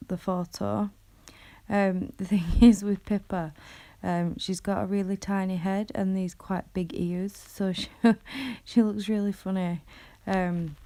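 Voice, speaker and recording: A young woman with a British accent and a croaky, low-pitched voice talks through her craft project in a casual voice-over. She hesitates often with ums, keeping a mellow, fairly flat delivery. The sound is close and dry. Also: dry recording. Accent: British English. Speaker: craft vlogger.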